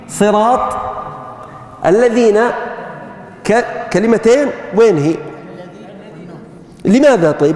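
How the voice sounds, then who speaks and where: A middle-aged man with a notably high voice lectures as a grammar professor, firing questions at his class and drilling answers back and forth. His voice rings through a large hall with a long, echoing tail. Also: a little mellow. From Saudi Arabia. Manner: quizzing students, call-and-response drilling.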